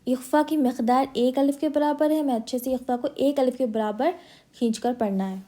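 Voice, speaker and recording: Speaking at normal speed in a high voice with a dark tone, an Indian-accented woman leads a slow, drill-style Quran recitation lesson. She patiently pronounces one syllable after another so her students can copy her.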